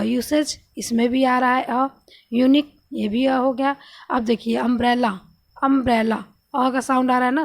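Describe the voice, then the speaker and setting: A woman's voice: a little high, gravelly. A woman teacher patiently explaining a grammar lesson, often asking her students questions and answering them herself.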